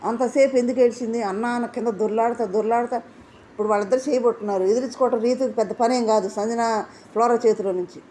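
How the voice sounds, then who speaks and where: A woman's voice: fairly high pitch, fairly even intonation, fast talker, warm tone, slight background noise. A woman giving opinionated commentary as a reality show reviewer. She sounds indignant, fires off rhetorical questions and repeats her points for emphasis.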